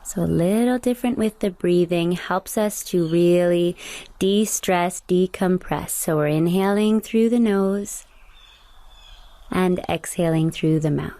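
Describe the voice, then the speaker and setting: Speaking slowly and calmly, a young adult woman with a fairly low voice gives soft instructions while leading a guided meditation.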